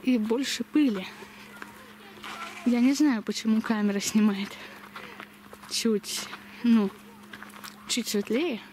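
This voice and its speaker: A young adult woman vlogger with a high voice and a slushy lisp that turns s into sh chats casually while walking along a village street. She speaks slowly with frequent pauses and a darkish tone. Her handheld camera, held at arm's length, gives a noisy outdoor recording.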